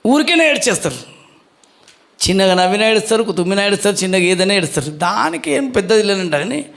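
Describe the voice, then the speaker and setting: A man's voice: fairly high pitch, fairly bright tone. A male pastor preaching a sermon, questioning the congregation and calling for their answers.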